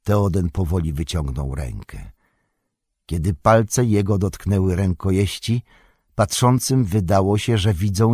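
A man narrating a fantasy audiobook in a steady, measured way. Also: lowish voice, breathy edge, no room sound, studio quality.

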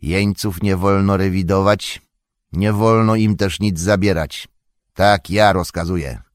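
A man's voice: sits low, fairly even intonation, a little slow, no room sound, studio quality. A man voicing a scheming, vicious male orc who speaks in a mocking, sneering way that is less coarse than the other orcs in an audiobook reading. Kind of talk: audiobook character voice.

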